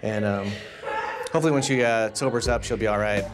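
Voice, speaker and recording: Male jail officer, brisk and matter-of-fact, dry humor, music underneath. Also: on the low side. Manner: matter-of-fact, dryly joking. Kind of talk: unscripted interview and booking talk. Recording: music under reality TV audio.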